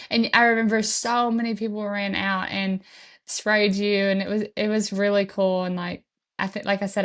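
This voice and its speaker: A woman co-hosting a casual podcast, a fellow golfer chatting supportively with the guest. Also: mid-range voice.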